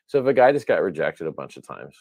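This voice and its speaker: A very deep-voiced man rants and jokes on a video call, his voice swinging widely as he mocks people. The sound is dry and close, with no room around it. He is brash and profane, and he cuts in often. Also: very animated, quick pace, gravelly, darkish tone, no echo. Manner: brash, ranting, mocks others in put-on voices. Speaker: crypto project founder on a livestream. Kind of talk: casual profane group chat.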